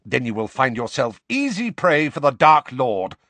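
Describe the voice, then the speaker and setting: A man's voice: lowish voice, huge pitch swings, a bit bright, no room sound, full character voice. A man doing a cold, menacing teacher. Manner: clipped, cold, slow and cutting. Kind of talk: audiobook character voice.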